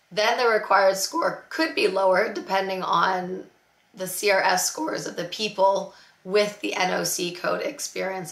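Hoarse, creaky-voiced woman presenting updates. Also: medium pitch, a bit bright. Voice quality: hoarse, gravelly. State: hoarse, recovering from voice loss. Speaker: host of an immigration news channel. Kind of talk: informal news update to camera. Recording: roomy, echoing indoor sound.

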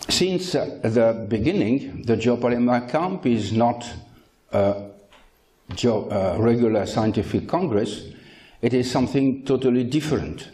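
An older man gives a conference keynote into a handheld mic, speaking in measured phrases with frequent hesitant pauses and blunt opinions. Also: mid-range voice, animated, warm tone. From France. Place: lecture hall.

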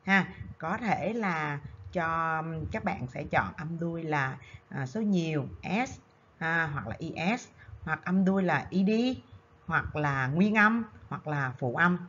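A woman's voice: sits low, animated, takes it slowly, a bit bright, muffled recording, slight background noise. A woman teacher from Vietnam giving a recorded revision lesson, explaining step by step with frequent hesitation fillers. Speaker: secondary school English teacher.

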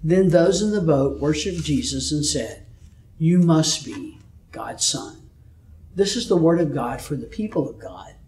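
In a church, a pastor reads scripture and delivers his sermon in a measured, storytelling way, his slightly high voice expressive and warm. The recording is distant, and the sound echoes around the room.

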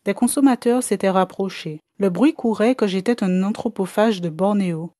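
A woman reading a science fiction story aloud as an audiobook narrator, in a measured storytelling manner. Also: mid-range voice, dark tone, no echo, clean studio sound. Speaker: audiobook reader. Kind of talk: scripted narration.

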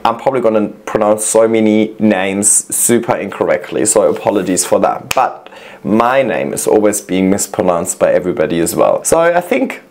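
A man hosting a casual reaction video, chatting warmly and reading viewers' messages aloud as he gushes over their plants. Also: on the low side, expressive, moderate pace.

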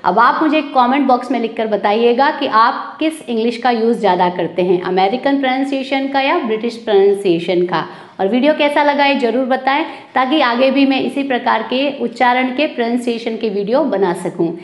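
A woman's voice: on the high side, moderate pace. A woman from India with an Indian accent, giving a spoken English pronunciation lesson and carefully spelling out words letter by letter. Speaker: English teacher. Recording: echoey room.

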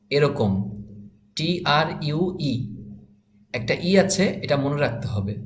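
A man's voice: on the high side, a little hiss or hum. A man teaching English spelling, sounding out words letter by letter and then explaining the rules patiently.

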